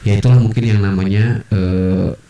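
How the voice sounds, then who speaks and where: A man as a podcast guest, telling personal stories in an animated way and acting out the voices of others. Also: on the low side, normal speed. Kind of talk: personal storytelling in a podcast interview. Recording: roomy, distant mic.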